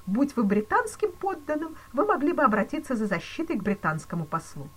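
A woman's voice: a little high, very animated, a little fast, slightly rough, voice pushed up. A woman voicing a male police chief who delivers dire news in a grave, regretful manner in a storybook reading. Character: solemn, mock-sympathetic male police chief.

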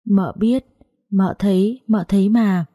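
A woman's voice: medium pitch, steady tone, unhurried, dark tone, no echo, studio quality, close to an everyday voice. A woman voicing the ghost of a young mother who speaks through a medium in choked, sobbing pleas. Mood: grieving, tearful.

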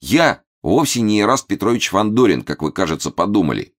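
A man's voice: on the low side, big pitch swings, brisk, voice pushed up. A man voicing a timid, earnest young male clerk who stammers and pleads in an audiobook. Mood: formal.

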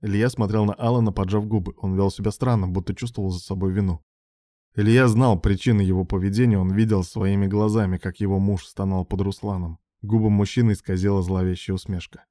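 Low, dark male audiobook narrator. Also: steady tone, fairly quick, no room sound, studio quality. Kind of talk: scripted romance narration.

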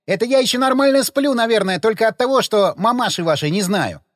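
Man doing a loud cursing hothead rider, high voice, really bouncy. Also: very animated, normal speed, dry recording, studio quality. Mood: angry. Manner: loud, brash, swearing. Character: gruff rough-talking male rider, quick-tempered.

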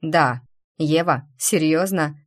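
A woman's voice: sits low, slow. A woman voicing a confident male bandmate who reassures his friend steadily. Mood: reassuring.

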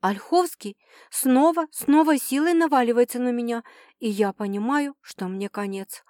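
A woman's voice: a little high, normal speed, warm tone, no echo, clean studio sound. A woman reading a first-person audiobook with dramatic, tense storytelling. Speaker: audiobook narrator.

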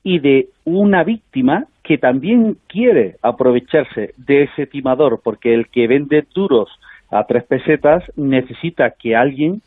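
A man's voice: mid-range voice, expressive, measured pace, husky, no room sound. A man with a Spanish accent from Spain, an author guest explaining agreeably on a radio interview. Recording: dry tinny phone line.

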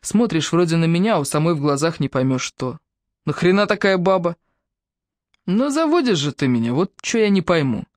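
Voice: mid-range voice, sing-song, fairly quick, no room sound, clean studio sound, natural voice. A reader voicing a furious, possessive man who talks coarsely, threatens and swears, in an audiobook. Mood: menacing.

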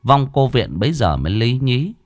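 A man narrating a ghost story in an expressive, dramatic reading. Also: medium pitch, moderate pace, no room sound.

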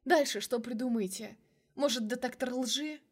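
A woman's voice: a little high, moderate pace, husky, pitched above the performer's own voice. A woman voicing a hurt young woman in an audiobook, speaking sharply and indignantly through tears. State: tearful.

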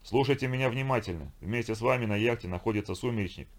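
A man's voice: fairly low pitch, fast talker, natural voice. A man voicing a brutal viking pirate chieftain in an audiobook, barking orders and threats. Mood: commanding. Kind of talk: audiobook character voice.

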